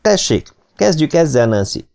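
A man's voice: fairly high pitch, sing-song, gravelly, darkish tone, voice pushed up. Man doing a sneering, mocking kidnapper. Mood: bossy. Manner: sneering, taunting. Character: scheming middle-aged male kidnapper, mocking.

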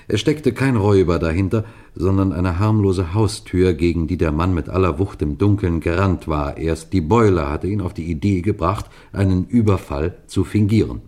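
A deep, mellow male voice belongs to the narrator and lead actor of a vintage German radio crime drama. He plays an authoritative police detective recounting his case, telling it in a measured, deliberate, emphatic way.

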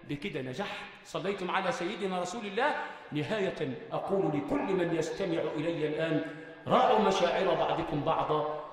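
Egyptian male preacher, high-pitched, emphatic and rhetorical, long reverberant hall sound. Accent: Egyptian Arabic. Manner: repeats rhetorical questions, swings from quiet to shouting, chants verses slowly. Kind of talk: Egyptian Arabic sermon with chanted verse. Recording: very echoey hall.

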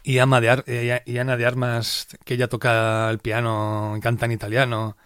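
A man from Spain talks through a film on a podcast in a chatty, animated way. His voice sits at an ordinary middle pitch and sounds dry and close, with no room around it. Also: normal speed, clean tone, dry recording. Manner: chatty, animated retelling with acted-out quotes. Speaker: podcast host. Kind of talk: casual podcast chat retelling a film.

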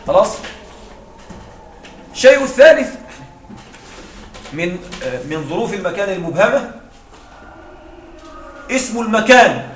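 A man's voice: high voice, animated, measured pace, pauses often, a bit bright. A man teaching Arabic grammar to a class, explaining rules through examples and checking whether students follow. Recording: echoey room with faint noise.

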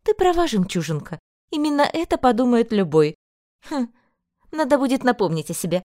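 A woman voicing a grumpy, sly aristocratic mother who talks high, shrill and sharp-tongued. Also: very animated, a little fast, no room sound, studio quality. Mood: sly warm.

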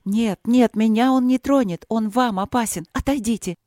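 A reader voicing a frightened but commanding young queen who shouts urgent orders. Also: medium pitch, moderate pace, no echo, studio quality, pitched above the performer's own voice, lightly acted. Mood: alarmed.

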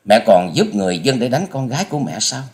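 A man voicing a young female martial artist, tearful and shrill as she cries out in grief and anger. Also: big pitch swings, fast talker, a little mellow. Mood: defiant.

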